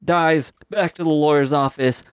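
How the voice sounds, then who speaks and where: A man's voice: fairly high pitch, fairly even intonation, normal speed, smooth, dry recording, studio quality. A man co-hosting a podcast, recapping a TV episode in a laid-back, chatty way with frequent laughs. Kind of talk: casual chat.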